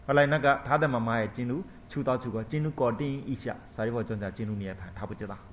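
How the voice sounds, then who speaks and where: A male monk gives a Buddhist dharma talk at a middle pitch, retelling a story in plain, repetitive explanations. He hesitates while searching for words and drops his voice softly at the ends of points. Faint noise hums behind him. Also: fast.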